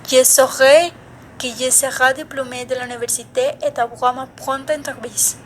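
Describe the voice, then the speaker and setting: A teenage girl, reading a self-introduction in a plain, deliberate way. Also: sits high, steady tone, slight background noise. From Mexico. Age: teens. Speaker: student.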